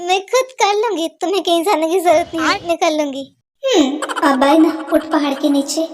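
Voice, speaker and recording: Very high-voiced woman doing playful fan-dub dialogue. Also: normal speed. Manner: playful, teasing, animated dialogue. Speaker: fan dub voice-over artist. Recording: noisy home recording.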